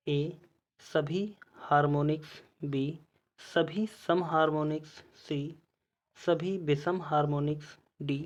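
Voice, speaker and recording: A male teacher giving an exam-prep lesson, reading out quiz questions and their options one by one in a measured way. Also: on the high side, a little mellow.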